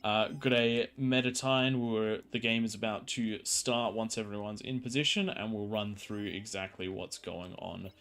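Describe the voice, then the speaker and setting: A man with a fairly low voice hosts a game livestream. He explains and chats casually, often stopping to rephrase. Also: fairly even intonation, unhurried, hardly any pauses, a bit bright. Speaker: stream host, commentator.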